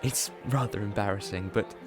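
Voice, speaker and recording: A man's voice: on the low side, normal speed, close to an everyday voice. A man playing the Doctor, an eccentric time-traveller with a breezy, theatrical and playful way of talking. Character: eccentric male time-traveller, brisk and cheerful. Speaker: amateur detective at a party. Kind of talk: fan audio drama acting. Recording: music bed under the dialogue.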